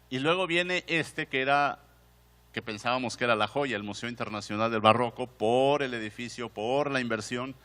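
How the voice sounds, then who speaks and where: A man's voice: mid-range voice, sharp tone. A man with a Mexican Spanish accent gives a conversational conference talk, putting questions to the audience and often restarting his phrases. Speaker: museum director giving a conference talk. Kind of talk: conference lecture. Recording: long hall reverb.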